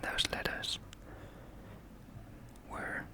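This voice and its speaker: Whispering at an unhurried pace, the speaker makes an ASMR video with a soft touch and occasional small laughs. She is a Finnish creator with a matching accent.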